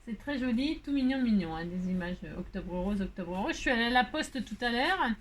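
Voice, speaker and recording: Woman, high voice, casual crafting vlogger, rambling and playful, filler-heavy, hot and weary. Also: lively intonation, a little fast, slight background noise. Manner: rambling, playful, chatty with many fillers and jokes. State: hot, complaining of heat. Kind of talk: casual chat while crafting.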